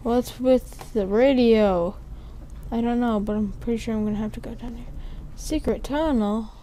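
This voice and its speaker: A young woman commenting on a horror game as she plays, jumpy and sarcastic, thinking out loud. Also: a little high, normal speed, a little hiss or hum. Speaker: gamer playing a horror game. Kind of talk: let's play commentary.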